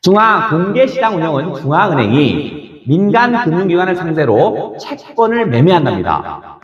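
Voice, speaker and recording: A man lecturing exam students, his voice high and swooping up and down as he throws out question after question and chuckles along. The sound is dull and lo-fi. Echo from the room hangs around his words. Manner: lively, fires rhetorical questions, acts out quick dialogues, chuckles often. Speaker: Korean language exam lecturer. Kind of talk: classroom lecture.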